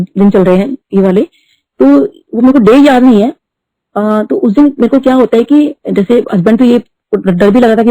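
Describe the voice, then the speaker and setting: A middle-aged woman telling a devotional story at a satsang, talking fast and mixing in English words. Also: medium pitch, mellow, no echo. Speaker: devotee sharing testimony. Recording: dull lo-fi dry recording.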